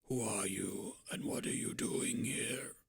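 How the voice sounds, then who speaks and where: A man voicing a gruff, suspicious elderly hermit in a tabletop game, with a raspy, breathy old voice and terse, impatient commands. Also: lowish voice, fairly even intonation, takes it slowly, in a whisper, heavily acted. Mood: stern, suspicious. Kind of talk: tabletop role-play character.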